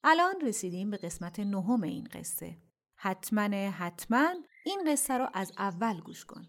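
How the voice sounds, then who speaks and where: A woman hosting a children's audio story series, narrating in a gentle, intimate, softly spoken way. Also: medium pitch, sing-song. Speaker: storyteller host.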